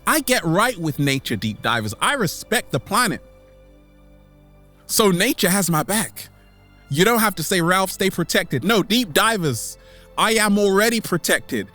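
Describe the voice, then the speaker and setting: This man's voice sits high and very animated, with a sharp tone and soft music underneath. He's a vlog host performing a theatrical, playful motivational monologue for his followers online, leaning on catchphrases and drawn-out emphasis.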